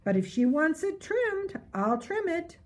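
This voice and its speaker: A woman's voice: very high-pitched, big pitch swings, measured pace, darkish tone, pitched above the performer's own voice, heavily acted. A woman voicing a cheerful, literal-minded housemaid in a children's storybook, with folksy, earnest exclamations. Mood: earnest, matter-of-fact.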